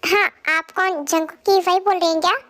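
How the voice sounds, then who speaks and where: A woman's voice: very high voice, fairly even intonation, fairly quick, loud music behind the voice. A woman voicing a formal stranger on the phone who speaks politely but urgently, in a fan audio drama dub.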